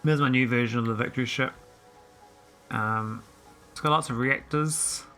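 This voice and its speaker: A man chatting casually while streaming a game, rambling with many pauses and talking to his viewers. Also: mid-range voice, pushed and bright, soft background music. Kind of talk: casual live-stream chat.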